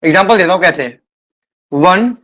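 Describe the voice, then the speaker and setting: A man with a rather high voice teaches a math class. He talks quickly by his own account, repeats key words and keeps addressing the students kindly. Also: fairly bright tone. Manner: admits speaking fast. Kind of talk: live online class lecture.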